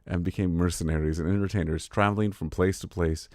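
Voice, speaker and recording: Tired streamer guy reading lore and chatting, keeps laughing, deep voice, dry sound. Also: fairly even intonation, fast talker, a little mellow, dry recording. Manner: laughs often, easily sidetracked. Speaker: streamer host. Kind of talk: casual livestream chat and lore reading.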